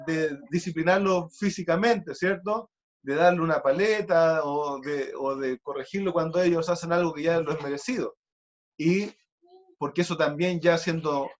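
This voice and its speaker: High-voiced preacher, lo-fi. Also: male voice. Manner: earnest, repeats key words for emphasis. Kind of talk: sermon. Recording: dull lo-fi recording.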